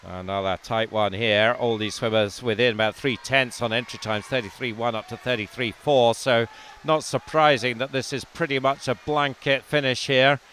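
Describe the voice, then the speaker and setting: The commentator, a man not from Wales, delivers lanes and times at a swim meet in a calm manner, getting louder as close races finish. His medium-pitched voice moves at normal speed over a slight hiss or hum.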